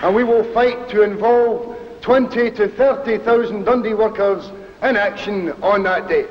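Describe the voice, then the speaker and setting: Male union rally speech, high voice, heavily noisy old recording. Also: measured pace, highs cut off, a crowd in the background. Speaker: trade union speaker. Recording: echoey hall, very noisy archive recording.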